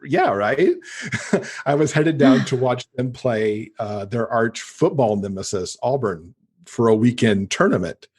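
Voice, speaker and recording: Enthusiastic and casual, an American podcast guest spins stories conversationally. He has a husky, medium-pitched voice with a darkish tone and lively intonation, speaking a little slowly.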